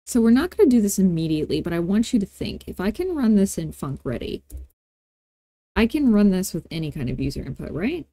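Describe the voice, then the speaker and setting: Narrating an informal screencast tutorial, a woman with a warm, relaxed, medium-pitched voice talks fairly quickly. The sound is close with no echo, and she sprinkles playful asides through her step-by-step explanations.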